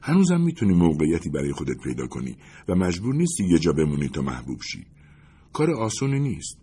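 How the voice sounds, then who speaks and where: A man's voice: low voice, wildly swooping pitch, slightly rough, heavily acted. A man voicing a chatty, curious young woman in a storybook reading, earnest and prodding. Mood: reflective. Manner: earnest and prodding, softening to a whisper when sneaking.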